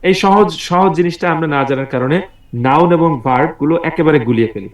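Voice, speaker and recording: A man's voice: fairly high pitch, brisk. A man teaching an online English class over a video call, patient and encouraging as he drills words aloud. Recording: roomy, distant video call audio.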